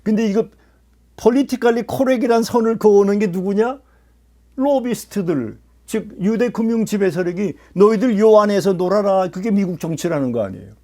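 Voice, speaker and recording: A man's voice: high-pitched, animated, moderate pace, mellow. A man giving a political lecture, speaking emphatically, putting questions to his listeners and mixing in English phrases. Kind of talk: political lecture to a small audience.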